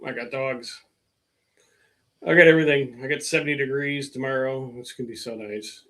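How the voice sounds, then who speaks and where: A man's voice: medium pitch, fairly even intonation, normal speed, sharp tone. A middle-aged man hosting a casual live stream about his car work, rambling with lots of fillers and reading out viewer comments. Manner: rambling, self-mocking, many fillers.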